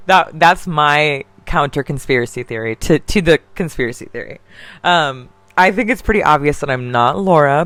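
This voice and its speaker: A woman with a deep contralto voice giving an opinionated commentary monologue in a chatty way, full of fillers and restarts. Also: no echo. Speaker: online drama commentator.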